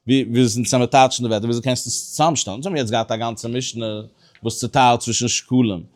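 A man at a middle pitch leads a Talmud study class. He explains point by point, stopping and restarting often as he works through each idea. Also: steady tone. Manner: halting and explanatory, with many restarts. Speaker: religious teacher.

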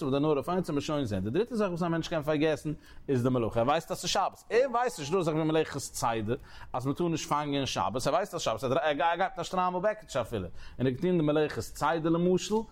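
A man's voice: on the high side, expressive, quick pace. A man teaching a Talmud lesson in a sing-song learning cadence, often restarting his phrases. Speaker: Torah teacher.

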